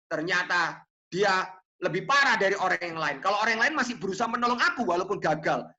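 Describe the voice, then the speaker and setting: A woman's voice: medium pitch, lively intonation, fast, pushed and bright, dull audio. A preacher voicing a desperate, frustrated mother who pleads for help. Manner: pleading, then complaining, raised voice.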